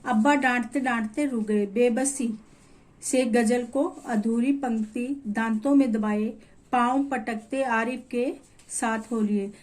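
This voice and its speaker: A woman's voice: a little high, fairly even intonation, slow, a little mellow. A woman teacher reading a children's textbook story aloud and stopping to explain hard words in simple terms.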